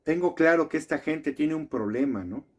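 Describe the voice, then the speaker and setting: Male commentator, indignant monologue, slightly higher voice, rhetorical questions. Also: lively intonation, normal speed, a little mellow. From Mexico. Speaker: political commentator.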